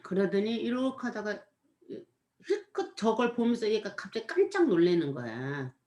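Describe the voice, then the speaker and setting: A woman's voice: medium pitch, very animated, normal speed, darkish tone. A woman in casual chat, rambling as she recounts something she saw, with frequent filler words and a reflective tone. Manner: rambling, full of "이렇게" fillers. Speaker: storyteller recounting a performance.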